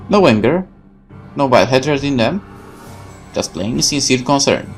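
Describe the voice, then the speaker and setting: This gaming host's mid-range voice swings widely in pitch and moves a little slowly over soft background music. He reads a visual novel's horror fiction aloud as dramatic scripted narration, theatrical and intense, with the odd stumble.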